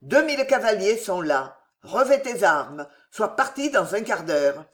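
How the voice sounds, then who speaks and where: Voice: mid-range voice, very animated, unhurried, fairly bright tone. A reader voicing a stern old male army commander who gives orders and thunders with wrath, in an audiobook reading. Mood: commanding. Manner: commanding, thundering when angered.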